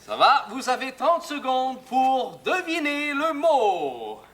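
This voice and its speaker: A man's voice: very high voice, big pitch swings, takes it slowly, fairly bright tone, exaggerated voice. A man playing a chipper male TV game show host with a Québécois accent, in a comedy sketch parody, with a bouncy, exaggerated showman delivery.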